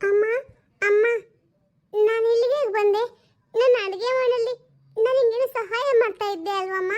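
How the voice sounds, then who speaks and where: A woman's voice: extremely high pitch, fairly even intonation, moderate pace, a little mellow, dull audio. A woman voicing an innocent young daughter who asks confused questions. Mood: puzzled. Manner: puzzled, questioning. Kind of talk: home-made family drama.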